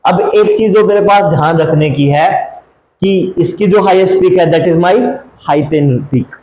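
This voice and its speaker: Guy teaching map geography, drags out place names, bit higher voice, roomy echo. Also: unhurried, darkish tone. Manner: keeps asking rhetorical questions; drawls and repeats place names. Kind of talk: map lesson for exam students.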